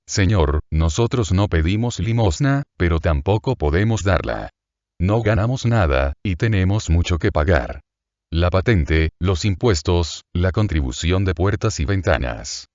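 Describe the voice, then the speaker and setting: A man's voice: low-pitched, lively intonation, unhurried, darkish tone, dry recording, lo-fi sound. A man voicing a scheming middle-aged female innkeeper who whines and fawns over a rich guest, in an audiobook reading. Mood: lamenting. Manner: plaintive, wheedling, fawning.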